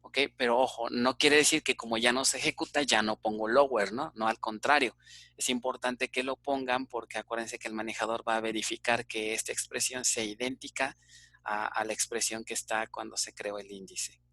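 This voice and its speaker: A man's voice: medium pitch, fairly even intonation, moderate pace, sharp tone, no room sound. A man with a Mexican Spanish accent teaching an online database class, explaining step by step and checking in with frequent "ok?" fillers.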